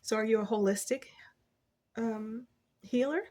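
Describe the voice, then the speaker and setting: Woman tarot reader, higher breathy voice, upbeat and chatty, encouraging tone. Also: measured pace, dark tone. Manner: encouraging, chatty, laughs often. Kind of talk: casual tarot reading. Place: at a desk.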